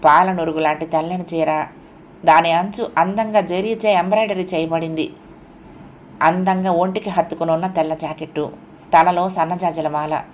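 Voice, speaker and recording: Woman reading an audiobook, lowish voice, steady, bit of faint hiss. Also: normal speed, muffled recording. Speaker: audiobook narrator. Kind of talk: scripted narration.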